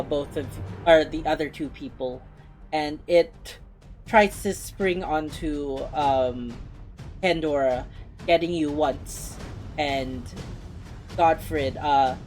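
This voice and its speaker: Low-voiced woman game master. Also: darkish tone. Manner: accommodating, explanatory. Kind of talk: running a tabletop game, casual.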